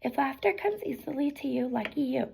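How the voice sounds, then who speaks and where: Softly whispering, very creaky woman giving a pep talk. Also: high voice, animated, a little fast, a little hiss or hum, poor audio. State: sick, voice affected. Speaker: ASMR creator. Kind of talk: soft whispered ASMR pep talk, reading affirmations aloud with casual asides.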